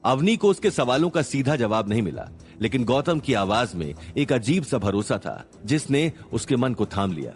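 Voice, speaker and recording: A man's voice: medium pitch, very animated, moderate pace. Dramatic male story narrator. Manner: dramatic, suspenseful.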